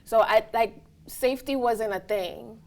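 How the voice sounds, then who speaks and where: A woman's voice: on the high side, a little slow, darkish tone. A woman from Trinidad and Tobago giving reflective, earnest answers in a casual interview, often checking in with "right?". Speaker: interviewee, college staff.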